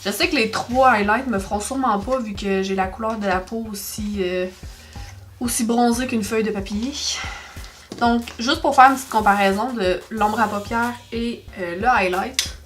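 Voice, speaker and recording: Excitable young Québécois woman vlogger. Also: fairly high pitch, normal speed, faint music behind. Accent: Québécois French. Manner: chatty, excitable, exclaims over products. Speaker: beauty vlogger. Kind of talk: casual makeup haul vlog.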